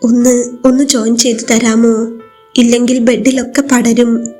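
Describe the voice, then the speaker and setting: A woman voicing a bedridden young wife who speaks softly and haltingly, pleading through tears. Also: on the high side, flat delivery, soft background music. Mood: tearful plea.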